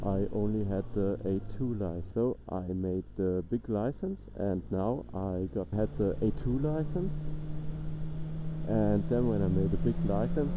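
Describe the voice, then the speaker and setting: A man's voice: fairly low pitch, highs cut off. A young man casually vlogging from inside a motorcycle helmet while riding. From Europe. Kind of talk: casual motovlog monologue. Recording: noisy helmet mic, road and engine noise.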